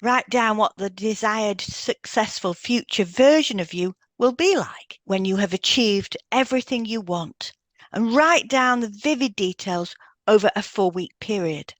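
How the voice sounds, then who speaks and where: A podcast co-host who works as a hypnotherapist reads step-by-step instructions from a script, adding brief asides. Her medium-pitched voice is unhurried, and the recording is dry.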